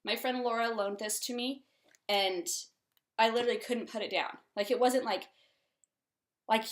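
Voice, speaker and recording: A young woman chatting casually about books she has read as the host of her own vlog, filling her talk with um and like. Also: lowish voice. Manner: chatty, many ums and likes. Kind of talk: casual book-review chat.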